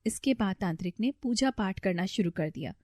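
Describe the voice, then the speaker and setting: A woman narrating a moral story for a storybook cartoon in an even, plain way. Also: medium pitch, a little fast, dry recording, studio quality.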